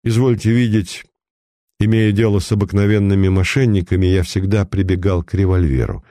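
A man voicing an unflappable police detective, calm and sarcastic, speaking in a measured way, in a dry recording. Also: deep voice, no echo, close to an everyday voice. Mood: cool.

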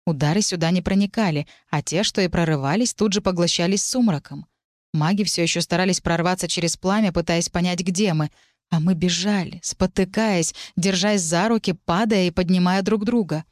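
A woman reading a first-person fantasy story aloud, dramatic and tense, with sharp shouted lines for the characters. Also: fairly low pitch, moderate pace, dry recording, studio quality. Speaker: audiobook narrator.

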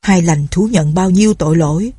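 A woman's voice: fairly low pitch, a little fast, mellow, no echo, studio quality. A woman voicing a blustering male village police sergeant who barks orders. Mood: gruff. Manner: gruff, barking orders.

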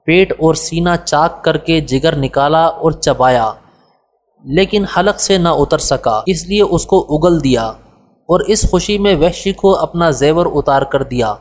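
A man narrates a religious biography in a steady, formal reading voice. His voice sits a little high. It carries a long reverb that trails after each phrase. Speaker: audiobook narrator.

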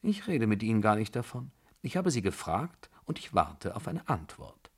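A man's voice: fairly low pitch, sing-song, moderate pace, breathy edge, heavily acted. A man voicing a proud, scornful young woman who gives cold, mocking commands, read in an audiobook. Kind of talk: audiobook dialogue.

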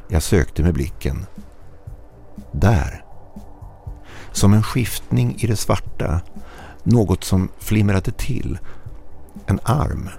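A man's voice: low voice, creaky, warm tone. A man narrating a first-person horror story in short, tense, clipped phrases.

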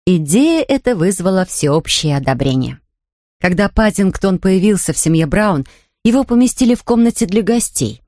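A woman reading a children's storybook aloud in a lively, expressive way and voicing the characters. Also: medium pitch, moderate pace, no echo, clean studio sound. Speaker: audiobook narrator. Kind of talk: scripted storybook narration.

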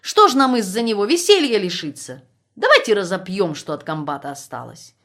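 A woman voicing a bold, outspoken mother who scolds and jokes loudly. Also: mid-range voice, wildly swooping pitch, fairly quick. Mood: merry.

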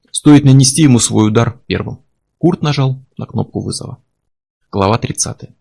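A man narrating a novel in steady, low-key scripted narration with tense emphasis. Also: vocal fry, slightly rough. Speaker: audiobook narrator.

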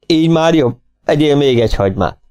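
A man voicing a hearty, generous middle-aged host in an audiobook, booming and doting. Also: animated, dark tone, clear, resonant tone, natural voice. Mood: jovial. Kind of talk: audiobook character voice.

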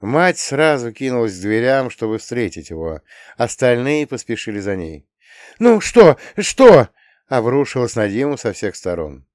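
A man's voice: mid-range voice, animated, normal speed, dry recording. Man reading an audiobook, dry sound. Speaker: audiobook reader. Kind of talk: scripted narration.

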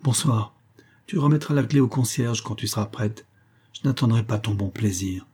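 A man's voice: on the low side, normal speed, warm tone, breathy edge. A man reading an audiobook, voicing a cynical young social climber who speaks coolly and dismissively. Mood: cold. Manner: cool, dismissive. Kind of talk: audiobook character voice.

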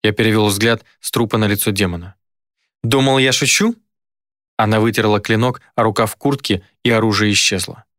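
A man reading a dark fantasy story aloud in a measured, grave first-person narration. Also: fairly low pitch, steady tone, dry recording, studio quality.

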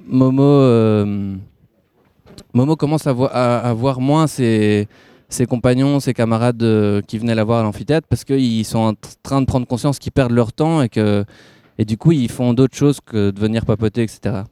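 A man reads a novel aloud on a radio show, setting up the scene in a hesitant, informal way and restarting his words often. His voice is dark and mellow. The recording is dry and close. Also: medium pitch, moderate pace, clean tone, no room sound. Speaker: guest reader on a radio show. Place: bar.

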